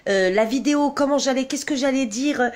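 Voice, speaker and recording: A woman's voice: high voice, normal speed, darkish tone. Agitated, indignant woman vlogging. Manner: indignant, agitated, rambling with many fillers. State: wound up, on edge. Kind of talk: unscripted vlog commentary, reading aloud.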